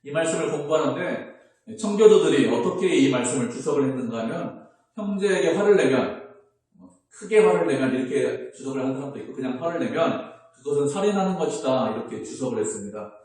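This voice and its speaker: A man's voice: mid-range voice, fast, a little mellow. A middle-aged man preaching a sermon as pastor, asking the congregation questions and answering them himself. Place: church sanctuary. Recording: echoey hall, voice from far off.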